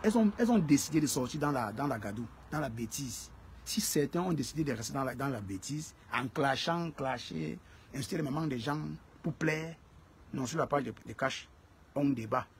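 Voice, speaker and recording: A man's voice: mid-range voice, animated, moderate pace, slight background noise. A man hosting a casual live stream, greeting viewers by name and repeating phrases for emphasis.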